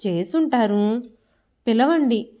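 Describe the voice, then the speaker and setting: A woman's voice: a little high, expressive, slow pace, warm tone. A woman storyteller voicing a cold, dismissive young daughter-in-law with a curt, indifferent manner.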